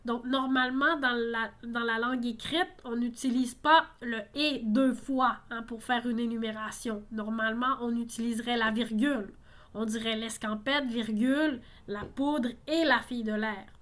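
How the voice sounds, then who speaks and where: A woman's voice: a little high, steady tone, normal speed, a bit bright. A woman teaching a song lesson, explaining lyrics patiently and often adding "hein". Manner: explanatory, frequent tag "hein". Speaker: French teacher.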